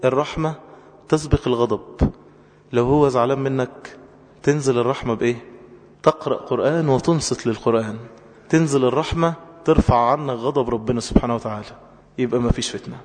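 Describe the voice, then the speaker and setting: A man preaching a sermon with an Egyptian accent, talking emphatically and rising to high exclamations. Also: quick pace, pauses often, darkish tone, big-room sound. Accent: Egyptian Arabic.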